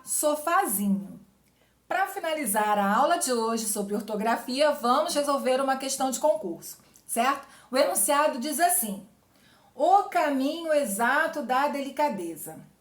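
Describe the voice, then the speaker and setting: A woman teaching spelling for exams, who explains patiently, stretches example words slowly and keeps checking with "certo?". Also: on the high side. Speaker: Portuguese teacher. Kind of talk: exam-prep grammar lesson. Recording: echoey room.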